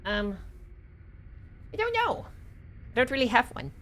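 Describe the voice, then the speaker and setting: A man's voice: extremely high pitch, huge pitch swings, unhurried, sharp tone, voice pushed up, exaggerated voice. A man voicing a friendly, childlike talking rat, eager and polite, in tabletop role-play. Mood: shy.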